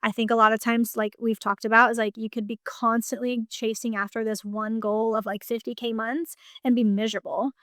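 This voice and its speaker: A woman's voice: fairly high pitch, little pitch movement, brisk, hardly any pauses, fairly bright tone, no room sound, studio quality. A woman business coach talking in a casual podcast conversation, chatty and full of "like" fillers. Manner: chatty, heavy use of "like" fillers.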